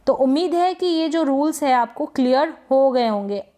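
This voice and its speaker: A woman's voice: sits high, lively intonation, warm tone. A woman teaching English pronunciation as a lesson, explaining rules and asking and answering her own questions. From India. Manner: slow, careful spelling-out of sounds.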